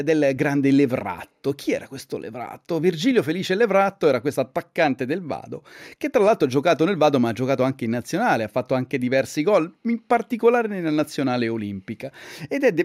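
A man's voice: on the high side, darkish tone, no room sound, studio quality. A man speaking as a radio guest, telling a story in a chatty, enthusiastic way. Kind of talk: casual radio chat.

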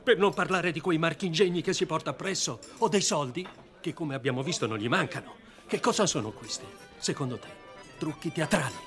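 A man's voice: on the high side, lively intonation, a little fast, a bit bright. A man playing a blunt, sceptical, impatient companion in a radio drama, speaking colloquially and wryly. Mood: sceptical, puzzled. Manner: colloquial, questioning, wry. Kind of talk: scripted radio drama acting. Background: music.

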